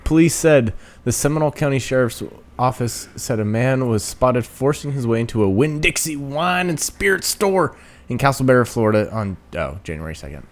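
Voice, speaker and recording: A woman's voice: extremely low pitch, expressive, moderate pace. A woman co-hosting a casual podcast chat, giggly, reading headlines aloud. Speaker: podcast co-host.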